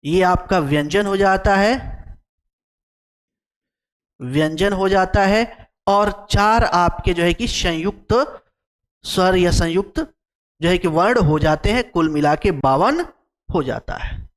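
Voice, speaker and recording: High-voiced teacher drilling vowels. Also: male voice, slow, long pauses, in a large hall. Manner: repeats key terms and quizzes the class with questions; draws out vowel sounds to demonstrate length. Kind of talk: exam-prep lecture.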